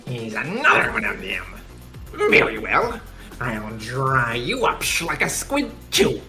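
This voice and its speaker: A man's voice: mid-range voice, huge pitch swings, slow pace, roomy sound, over music, heavily acted. A man voicing a blustering, scheming fishman fighter in a theatrical, menacing way for a comic manga dramatization. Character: blustering villainous male fishman fighter, hot-tempered, scheming.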